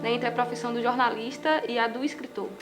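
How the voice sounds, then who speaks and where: A woman's voice: a little high, fairly even intonation, quick pace, over loud music. A woman interviewer asking formal, polite questions.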